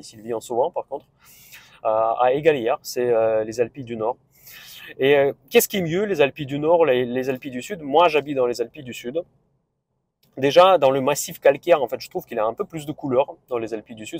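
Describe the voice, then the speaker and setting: A man's voice: medium pitch, a little mellow, no room sound. A man from Russia with a Russian accent, a vlogger chatting casually and rambling on a road trip, full of hesitations and restarts. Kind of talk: casual travel vlog talk.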